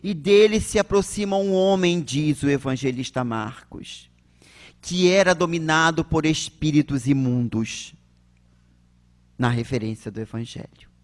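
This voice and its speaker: A man with a Brazilian accent giving a public religious lecture at a spiritist centre, measured and posing rhetorical questions. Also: fairly high pitch.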